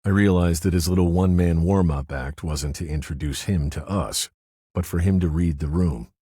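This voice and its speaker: Very deep husky male narrator. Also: dark tone, no room sound, clean studio sound. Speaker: audiobook narrator. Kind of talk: first-person audiobook narration.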